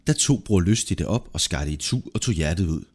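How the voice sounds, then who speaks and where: A man narrating a folk tale aloud in a lively, expressive storytelling manner. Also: low-pitched, husky.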